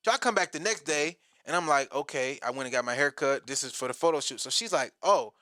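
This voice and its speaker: Animated man telling a story. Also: on the high side, fast, no room sound, clean studio sound. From Detroit, Michigan. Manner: animated, acts out quotes, profane. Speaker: guest comedian. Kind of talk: casual storytelling interview.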